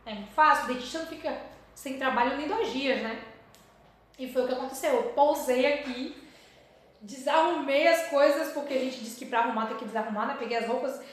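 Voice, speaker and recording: A woman from Salvador speaks in a fairly high voice, chatting as a dentist guest in a casual interview. She tells her story and acts out her own past remarks as quotes. The sound is very echoey, as in a large bare room. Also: a little fast. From Salvador, Bahia, Brazil.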